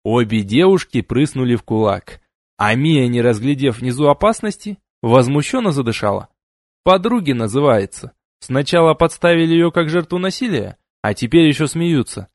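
A man's voice: medium pitch, animated, moderate pace, no echo, studio quality. A man narrating a fantasy audiobook expressively, giving each character a voice.

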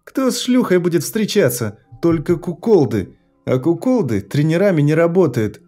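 Shrill hysterical teen boy, as a male reader puts him on, falsetto cracks, high, swooping, dark-toned, soft music under. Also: big pitch swings, moderate pace. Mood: scornful. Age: teenager. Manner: screaming taunts, mocking simpering put-on voice.

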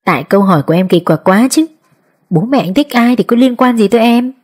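A woman's voice: on the high side, animated, quick pace, a little mellow, slightly rough, pitched above the performer's own voice. A woman voicing a lazy, teasing young boyfriend in an audiobook, talking offhandedly. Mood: offhand. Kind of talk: audiobook character voice.

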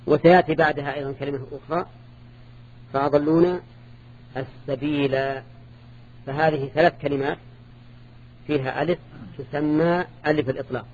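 A man's voice: a little high, fairly even intonation, fast talker, darkish tone, slightly rough. A man teaching a grammar lesson, explaining step by step and asking his students short questions. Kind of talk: classroom lesson. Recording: dull lo-fi recording with faint hum.

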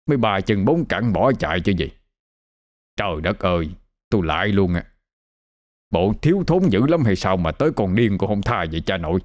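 A man with a Southern Vietnamese accent voicing mocking, contemptuous middle-aged drinking buddies in a village. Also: deep voice.

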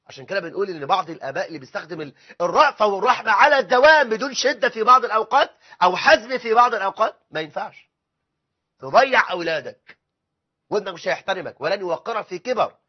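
Fast, high-voiced Egyptian preacher. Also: male voice, husky. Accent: Egyptian Arabic. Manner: mixes colloquial talk with formal phrases, acts out family dialogues. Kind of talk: sermon. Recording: dull lo-fi recording.

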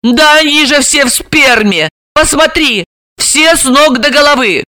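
A frantic, jealous young sister from an audiobook, her voice flying high and shrill as she sobs out accusations, performed by a woman narrator. The tone is lively and bright, swinging wildly in pitch. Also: normal speed. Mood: hysterical accusing. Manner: tearful, accusing, shrill outbursts. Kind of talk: audiobook character voice.

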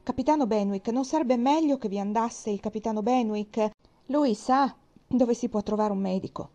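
A composed young heroine, read by a woman, pressing others into action with urgent, commanding pleas. Her voice sits mellow and soft-edged, and the recording sounds a little dull and lo-fi. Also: fairly high pitch, moderate pace, lightly acted. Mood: insistent. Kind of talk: audiobook character voice.

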